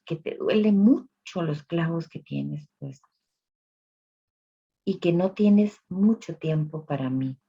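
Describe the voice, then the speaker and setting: A woman's voice: lowish voice, creaky, darkish tone, breathy edge, full character voice. A woman voicing a desperate five-year-old boy who begs for a miracle in a pleading, urgent voice. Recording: dull lo-fi recording.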